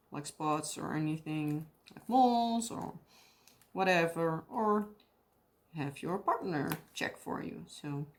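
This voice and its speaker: Speaking with a medium pitch and a darkish tone, a young woman from the Netherlands with a Dutch accent rambles casually as she crafts on her vlog. She laughs a lot and frequently searches for the right English word.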